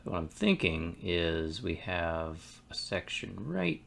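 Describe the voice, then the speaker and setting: A man streaming game development, thinking aloud in a relaxed, musing way as he works at his computer. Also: low-pitched, vocal fry, background noise. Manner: relaxed, musing, talks to himself between pauses. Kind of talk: casual thinking-aloud commentary while working.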